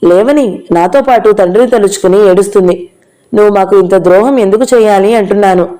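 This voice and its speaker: A woman's voice: mid-range voice, brisk, mellow, natural voice, low-quality recording. A woman reading the part of an angry, grieving middle-aged mother who lashes out bitterly through tears, in an audio novel. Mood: bitter, accusing. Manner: bitter, accusing, tearful.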